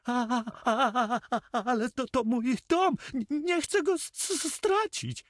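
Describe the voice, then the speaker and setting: A man's voice: very high-pitched, slow, no room sound, clean studio sound, voice pushed up, full character voice. A man voicing a frightened, miserly notary who stammers in panic. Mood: panicked. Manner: stutters in panic.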